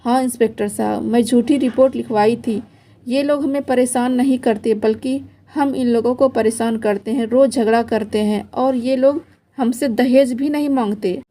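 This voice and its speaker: Woman doing a spoiled young bride in a storybook tale, pleading and complaining, high voice. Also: fairly even intonation, moderate pace, warm tone. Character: spoiled young married woman, later remorseful.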